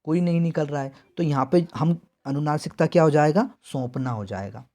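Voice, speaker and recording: A slightly high-pitched young man teaches an exam-prep lesson. He asks his students quick questions and answers them himself, and he stretches out key words slowly so they stick. His delivery is chatty and informal. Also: warm tone. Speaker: Hindi teacher.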